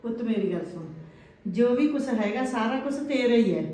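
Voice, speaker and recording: A woman's voice: fairly high pitch, lively intonation, fairly quick, warm tone, natural voice. A woman playing a placating mother-in-law. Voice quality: soothing, placating. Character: indulgent mother-in-law, older village woman. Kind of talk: village family drama acting. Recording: very echoey room.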